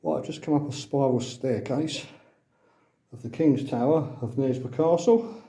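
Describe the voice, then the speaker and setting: A man's voice: medium pitch, moderate pace, warm tone, dry recording. A man giving casual, matter-of-fact, off-the-cuff sightseeing narration, recorded on a phone out on location. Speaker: holiday vlogger. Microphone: handheld phone. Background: clear ambient noise, sometimes rain.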